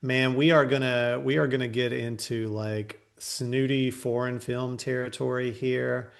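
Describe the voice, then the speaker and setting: A man's voice: mid-range voice, steady tone, unhurried, creaky. A man co-hosting a casual movie podcast, talking in a rambling way with lots of fillers and restarts. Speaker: podcast co-host.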